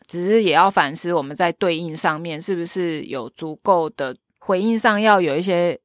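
A woman with a Taiwanese Mandarin accent, a children's theater troupe leader, chatting in an interview and retelling stories with animated quoted dialogue. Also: fairly low pitch, moderate pace, dry recording. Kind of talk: casual interview talk, storytelling.

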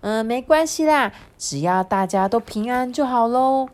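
A woman voicing a caring female dinosaur teacher in a children's story, bright and reassuring. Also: fairly high pitch, expressive, measured pace. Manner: bright, reassuring, sing-song.

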